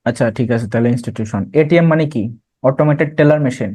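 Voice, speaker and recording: A man's voice: mid-range voice, fast, dark tone. A young man teaching an admission test revision class, explaining terms and quizzing students as he goes.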